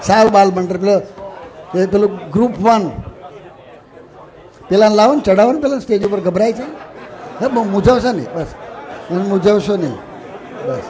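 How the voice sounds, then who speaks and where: A man giving a sermon and guiding a ritual, mixing English phrases into his talk and gently directing children on a stage. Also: sits high, normal speed, long pauses, some chatter behind. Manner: instructive, mixes English phrases into speech. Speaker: religious speaker leading an assembly. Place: stage before an audience.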